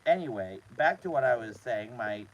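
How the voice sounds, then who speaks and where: A man hosting a casual live stream from inside a small trailer, talking to his chat in a halting way with repeated words. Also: medium pitch, animated, rough recording. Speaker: host of a live show.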